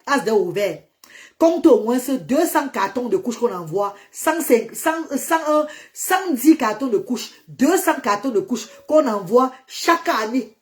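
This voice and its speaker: A woman speaking on a livestream in a fairly high voice, defiant and emphatic. She answers her critics head-on and drops into English phrases now and then. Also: very animated, a little slow. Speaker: charity founder on a livestream. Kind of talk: live social media monologue.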